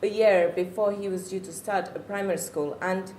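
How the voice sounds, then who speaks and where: A middle-aged Czech woman, a native speaker with a Czech accent, speaks at normal speed in a steady, mid-range voice with a darkish tone. She gives an earnest, reflective personal testimony as a parent, searching for her words. The recording has an echoey room and faint noise.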